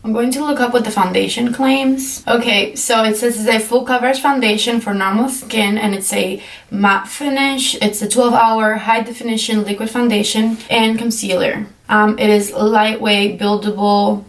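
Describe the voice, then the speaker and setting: A woman's voice: fairly high pitch, steady tone, moderate pace, distant mic. A young woman talks through her makeup in a chatty, rambling way, her voice still groggy from sleep. She sits back from the mic in a room that rings with echo. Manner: chatty, apologetic, filler-heavy. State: groggy, just woke up. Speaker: beauty vlogger. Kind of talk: casual makeup tutorial.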